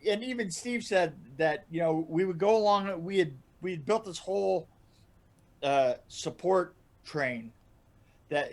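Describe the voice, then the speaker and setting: A man with a notably high voice, a regular guest on a podcast, shares casual anecdotes over a video call from an indoor room. He's animated but halting, repeating himself, backtracking on his words and laughing through his stories.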